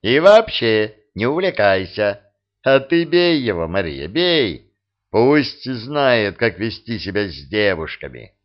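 A man reading the part of a brash, mocking male partisan sergeant who talks loudly and jeers. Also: medium pitch, sing-song, slow, muffled recording, voice pushed up. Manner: jeering, loud.

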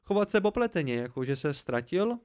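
A man's voice: a little high, big pitch swings, a little mellow. A man reading a blunt woman mercenary. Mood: questioning. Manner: doubtful, questioning. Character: blunt practical female mercenary.

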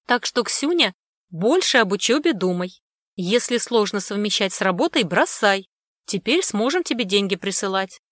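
A woman reading aloud and voicing a caring, worried middle-aged mother who talks loud and bright. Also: medium pitch, lively intonation, normal speed, dry recording, studio quality. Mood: fussing, caring.

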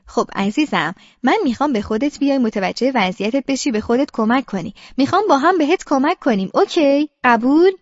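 A woman's voice: high-pitched, animated, hardly any pauses, dry recording, highs cut off. A woman voicing an impatient, condescending female psychiatrist who lectures her patient in an audiobook. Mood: coaxing. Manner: lectures and scolds, then coaxes.

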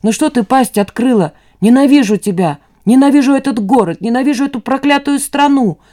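A woman's voice: high-pitched, fairly quick, warm tone, voice pushed up, natural voice. A woman reading an audiobook, voicing an angry, bitter teenage boy who answers with harsh, contemptuous outbursts. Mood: furious.

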